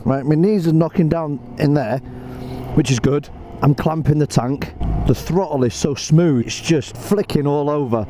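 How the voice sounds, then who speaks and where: A man's voice: a little high, normal speed. Man talking inside a helmet, wind noise. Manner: speaking from inside a helmet while riding; chatty, thinking aloud with rhetorical questions. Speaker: motorcycle reviewer. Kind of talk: spontaneous riding commentary. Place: outdoors on a moving motorcycle, inside a helmet. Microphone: microphone inside helmet. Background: wind noise and motorcycle engine.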